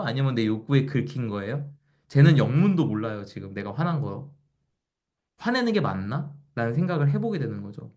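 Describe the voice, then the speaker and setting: A man in his forties giving a lecture to a live audience, often asking the listeners questions and acting out quoted voices. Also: medium pitch. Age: 40s.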